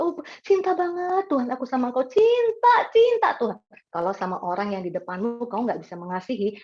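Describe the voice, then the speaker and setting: A woman pastor preaching at a church service in an animated, chatty way, acting out quoted voices and asking the congregation to agree. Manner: animated, acts out quoted voices with sharp pitch jumps. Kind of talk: sermon. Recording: dull lo-fi recording.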